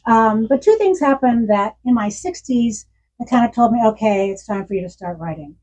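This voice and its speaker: A woman's voice: on the high side, expressive, moderate pace, highs cut off, slight background noise. A woman in her sixties, an author reading from her memoir and telling stories at a bookstore event, with frequent laughs. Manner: warm storytelling with frequent laughs.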